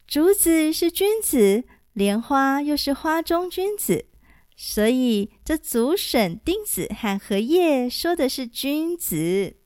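A woman's voice: high-pitched, sing-song, slow, darkish tone, no echo, clean studio sound, pitched above the performer's own voice, full character voice. A woman voicing a clever, playful teenage girl cook who teases and coaxes as she gives hints. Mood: coaxing. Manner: teasing, coaxing.

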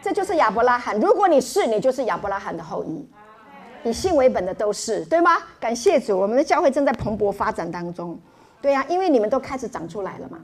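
Woman pastor, middle-aged, high voice, joking, animated sermon. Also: fast talker. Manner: playful, joking, animated storytelling.

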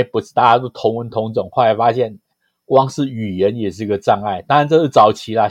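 A man's voice: mid-range voice, darkish tone, dry recording, muffled recording. A middle-aged man from Taiwan with a Taiwanese Mandarin accent, telling stories conversationally in an explanatory way, peppered with interjections. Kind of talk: conversational storytelling.

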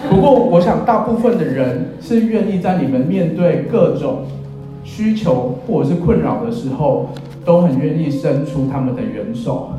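With a warm, expressive, fairly high voice at a moderate pace, a man in his thirties with a Taiwanese accent gives a wedding speech as officiant. His humour is wry and self-deprecating as he speaks to guests in a church. Music runs behind him in a very echoey hall.

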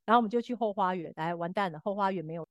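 A woman's voice: medium pitch, racing, lo-fi sound, a crowd in the background. A woman co-hosting a podcast, telling a story animatedly and acting out the quoted lines. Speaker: podcast co-host. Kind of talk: casual storytelling chat.

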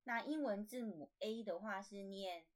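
A woman with a Taiwanese Mandarin accent hosting a casual language lesson podcast, slowly repeating sounds for learners. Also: medium pitch. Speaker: podcast host teaching language.

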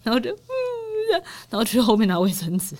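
A woman, hoarse from a cold, telling a rambling story as co-host of a casual chat show in a small studio. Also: on the high side, wildly swooping pitch, a little fast, a little mellow. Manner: rambling storytelling with many fillers. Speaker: podcast co-host.

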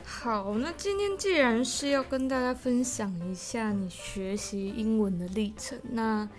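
A woman's voice: fairly high pitch, a little slow, faint music behind. A woman standing in as interviewer on a podcast, asking questions in a friendly way.

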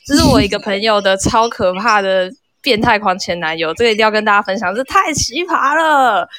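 A woman's voice: mid-range voice, a little fast. A woman calling in to a live talk show to tell a story in a casual, chatty way, acting out the people she quotes. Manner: animated, acts out quoted lines. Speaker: caller sharing a story.

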